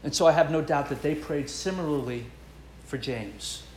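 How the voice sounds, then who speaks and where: Man, pastor, sermon, emphatic, high voice, faint background noise. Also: moderate pace, darkish tone, reverberant. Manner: earnest, emphatic preaching with rising and falling intensity.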